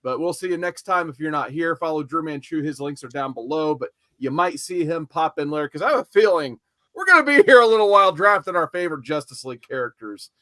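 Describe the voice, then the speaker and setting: A man hosting a live comic-book stream, introducing his guests in a lively, upbeat casual chat over a home mic. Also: fairly high pitch, fast talker, dry recording, clean studio sound. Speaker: podcast host.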